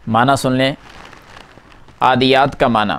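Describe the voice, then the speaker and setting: A man's voice: medium pitch, steady tone, a bit bright. A man teaching a class at a whiteboard, explaining a verse word by word, putting questions to the students and answering them himself. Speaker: Quran teacher.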